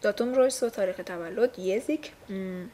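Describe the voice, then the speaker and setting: A woman teaching a language lesson in a casual, patient way, pausing often with filler sounds. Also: medium pitch, mellow, slight background noise.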